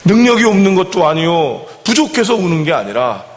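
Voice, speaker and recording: A senior pastor with a high-pitched voice and big swings in pitch preaches a little fast in a church sanctuary. His sermon is conversational, and he keeps questioning the congregation; the audio has a long church-hall reverb.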